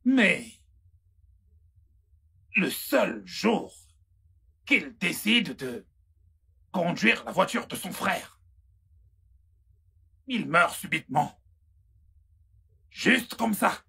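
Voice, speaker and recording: A man dubbing a menacing royal schemer who speaks in a threatening, insinuating way with a gravelly, husky voice. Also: high-pitched, sing-song, very slow, long pauses, sharp tone, full character voice. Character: menacing royal schemer hinting at a rival's death. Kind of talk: French film dub.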